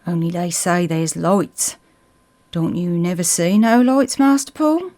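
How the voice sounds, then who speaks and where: A woman's voice: on the low side, a little slow, mellow, close to an everyday voice. Woman playing blunt male village smith, Suffolk accent, rustic teasing talk, storybook ghost-tale character.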